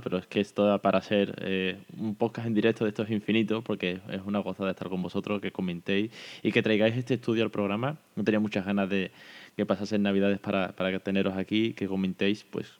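A man with a lowish voice hosts a podcast, chatty and effusive in a casual interview, tossing in quick asides. The recording is muffled and made without a camera.

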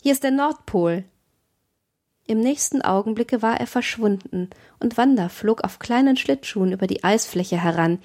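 A woman's voice: mid-range voice, normal speed, few pauses, darkish tone. Woman narrating a literary audiobook.

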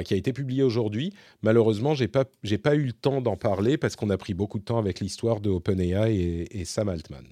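Middle-aged male host, casual Q&A monologue; low, mellow voice, thinks aloud and self-corrects, dry close sound. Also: dry recording. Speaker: podcast host answering listener questions.

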